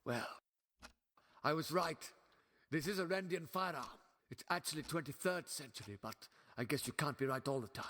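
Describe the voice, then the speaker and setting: An actor playing a wry, authoritative older time-traveling doctor in a fan audio drama, with a theatrical delivery. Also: male voice, a little high, normal speed, pushed and bright, long reverb tail, a little hiss or hum. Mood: explaining, absorbed.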